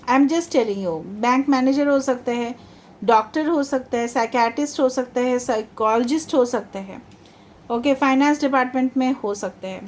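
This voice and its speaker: A woman's voice: high-pitched, moderate pace, darkish tone, slight background noise. Chatty woman reading tarot. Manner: chatty, reassuring, mixes English into Hindi, repeats "theek hai". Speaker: tarot reader.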